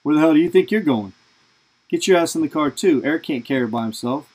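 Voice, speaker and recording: Man voicing older Boston dad, pushy, foul-mouthed, sarcastic, raspy, gravelly. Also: medium pitch, normal speed, darkish tone, poor audio. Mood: barking. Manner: gruff, sarcastic, bullying.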